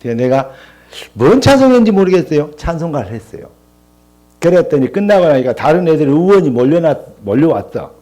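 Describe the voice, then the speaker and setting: A man's voice: on the high side, fairly quick. An older man, a pastor, preaching a sermon in church and telling stories with quoted dialogue. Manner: animated storytelling with quoted dialogue.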